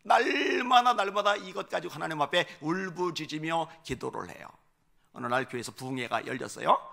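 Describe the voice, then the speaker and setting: A male pastor preaching a revival sermon, telling a story and rising to fervent, shouted appeals. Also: a little high, lively intonation, fairly quick, vocal fry. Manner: storytelling with acted quotes, swelling to fervent shouts. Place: church.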